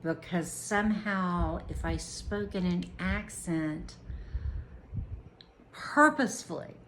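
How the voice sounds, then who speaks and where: A woman vlogger speaking earnestly and deliberately about her own experience, with occasional restarts. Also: fairly low pitch, fairly bright tone, slight background noise, poor audio. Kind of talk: personal reflective monologue to camera.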